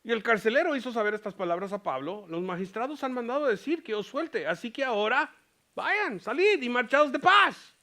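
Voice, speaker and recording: A man with an extremely high voice preaches fairly quickly as pastor at a US church. His bilingual Bible teaching is animated, mixing English words into his Spanish while he acts out Paul's lines.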